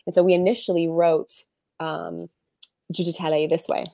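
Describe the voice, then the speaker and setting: Interviewed over video, this author and illustrator in her thirties has a lowish, warm voice with a gravelly texture and a level tone. She talks at a moderate pace, chatty and casual, often using fillers and starting over. There's no room sound.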